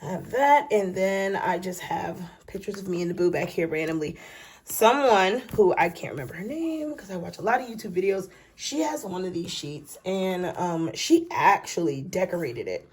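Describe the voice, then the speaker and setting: A woman's voice: on the low side, expressive, normal speed, husky. A woman casually walking viewers through her planner late at night, sleepy and yawning, chatty and folksy, calling them y'all and child. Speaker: planner vlogger. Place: at home.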